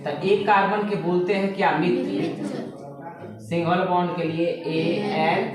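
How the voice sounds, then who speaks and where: A woman tutoring chemistry in a classroom lecture. She spells terms out letter by letter and keeps quizzing her students with quick check questions. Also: on the low side, music in the background. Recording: very echoey classroom with students audible.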